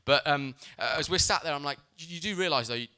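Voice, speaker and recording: A man preaching a sermon as a pastor, speaking with emphasis and telling lively personal stories. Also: fairly high pitch, fairly quick, clear, resonant tone.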